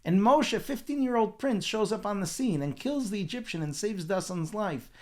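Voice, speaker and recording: A rabbi with a fairly high voice tells a scripture story with lively storytelling energy. He often slips into the speakers' lines, acting out their quotes. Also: normal speed. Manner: animated storytelling with acted quotes. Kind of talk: weekly Torah portion talk.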